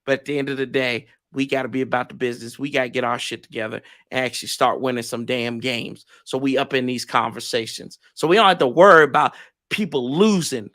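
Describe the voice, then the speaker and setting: A man hosting a football fan reaction livestream, talking in loud, mocking banter. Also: mid-range voice, a little fast. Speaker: host of a football reaction stream. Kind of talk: casual fan play-by-play reaction.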